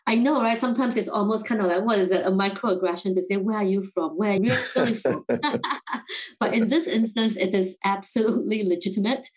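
A woman's voice: mid-range voice, a little fast, rough recording. A middle-aged woman from Singapore with a Singaporean-British accent, speaking thoughtfully as a guest in a podcast interview. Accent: Singaporean English with some British. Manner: thoughtful, self-reflective, laughs lightly. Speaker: guest, company founder.

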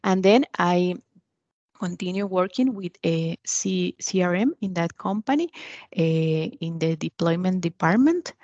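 A woman's voice: on the low side, lively intonation, unhurried, darkish tone, no room sound. Hesitant woman guest. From Costa Rica. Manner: hesitant, frequent uh fillers, searching for words. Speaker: podcast guest. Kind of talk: interview conversation. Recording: slightly muffled dry sound.

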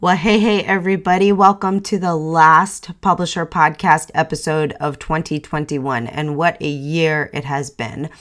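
A woman's voice: sits low, fairly even intonation, measured pace, few pauses, a bit bright. A woman hosting her own podcast in a chatty, upbeat way, sounding nasal from a cold. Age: adult author. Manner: chatty, upbeat, with frequent ums. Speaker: podcast host. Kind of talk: casual solo podcast.

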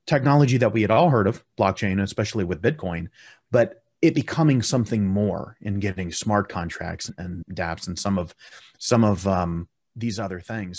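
A man's voice: lowish voice, darkish tone, dry recording, studio quality. A man hosting an interview podcast, asking long, chatty questions that wander into tangents. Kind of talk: casual interview.

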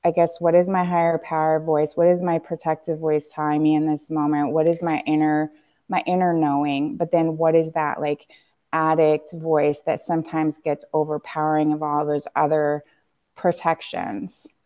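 Low-voiced woman talking reflectively. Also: little pitch movement, normal speed, mellow. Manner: reflective, frequent fillers and restarts. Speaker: guest, tea company founder. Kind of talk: candid podcast conversation.

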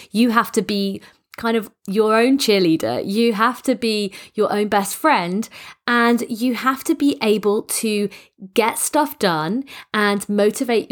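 A middle-aged woman hosting her own podcast as a business coach, sounding croaky and congested from a cold, talking in long, upbeat, motivational sentences. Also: medium pitch. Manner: enthusiastic, motivational, speaks in long flowing sentences. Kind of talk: solo podcast monologue.

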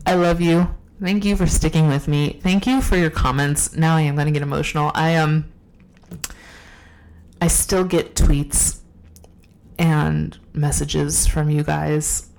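Low-pitched woman, sick and losing her voice, unscripted chatty podcast host, rambling and self-mocking, phone recording at home. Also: steady tone, unhurried, creaky, a little mellow, rough recording. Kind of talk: unscripted casual monologue. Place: home, downstairs room.

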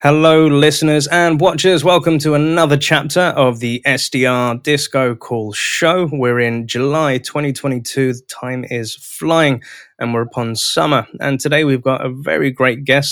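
An enthusiastic, polite podcast host welcomes his guest on a sales show, opening with a sing-song intro and addressing him as "sir." His voice is medium-pitched and fairly bright, with fairly even intonation at a normal speed, in a dry, studio-quality recording.

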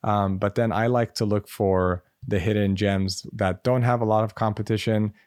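A man's voice: on the low side, fairly even intonation, normal speed, a little mellow, no room sound, clean studio sound. An American man, a medical school admissions advisor, answering interview questions in a conversational way with many fillers. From United States.

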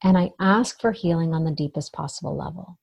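A woman with a mellow, fairly low voice leads a guided meditation in the manner of a spiritual coach. She is soothing and unhurried, leaving gentle pauses between instructions. The sound is close and dry. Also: creaky, no room sound.

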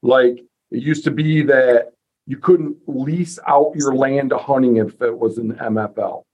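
A man's voice: medium pitch, fairly even intonation, unhurried, slightly rough, lo-fi sound. A man hosting a casual interview in a folksy, self-deprecating way, thinking aloud as he asks his questions. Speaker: podcast host.

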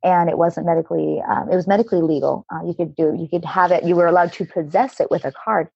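A woman telling a long personal story in a casual interview, animated, laughing often and acting out what people said. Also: fairly low pitch, fast, creaky, slightly rough, no echo. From Alaska. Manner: animated, laughing, acts out quotes. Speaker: guest. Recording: dull, slightly lo-fi, dry sound.

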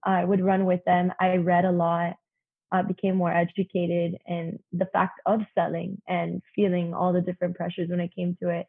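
In a casual interview, a woman in her early twenties with a young-sounding voice chats as a guest, using lots of "you know" fillers. Her voice is on the low side, gravelly and husky, monotone at a normal speed, and it comes through a tinny, phone-like line.

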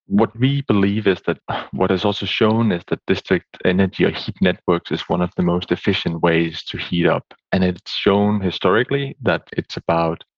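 Very deep-voiced man explaining. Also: steady tone, normal speed, few pauses, no echo, lo-fi sound. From Denmark. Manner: explanatory, with fillers. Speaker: guest expert. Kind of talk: interview answers.

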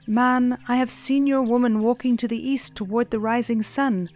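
A kind forest spirit, voiced by a woman narrator, speaks gently to a grieving man in a storybook tale. Its voice sits a little higher and louder than the narration, with soft music faint behind. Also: steady tone, normal speed, natural voice. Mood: gentle.

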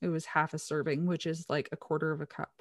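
A woman's voice: sits low, little pitch movement, fast talker, no room sound, studio quality. A woman co-hosting a casual science chat, eagerly explaining nutrition research in detail.

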